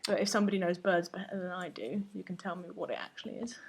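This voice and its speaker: Speaking fast with a fairly low pitch, a woman from a Finnish family makes casual conversation while painting on a live stream, laughing often and sometimes losing her thread. Slight background noise is audible.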